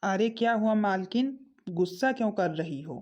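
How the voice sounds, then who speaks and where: A woman voicing a calm, fair-minded older father-in-law in a cartoon, speaking reassuringly. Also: medium pitch, normal speed, lo-fi sound, close to an everyday voice. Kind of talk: cartoon voice acting.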